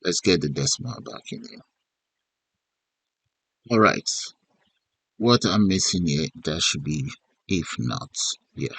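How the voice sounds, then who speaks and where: A man giving an unscripted software tutorial as an instructor, thinking aloud in short instructional fragments. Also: low-pitched, animated, slow pace, creaky, pauses often, no room sound. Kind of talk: unscripted step-by-step screen tutorial narration.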